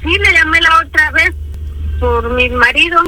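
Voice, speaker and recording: A woman calling in to a radio show over a phone line, talking in a halting, rambling way with many fillers. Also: high-pitched, bright, forceful tone, slight background noise. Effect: heard over a phone line. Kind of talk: casual phone-in talk.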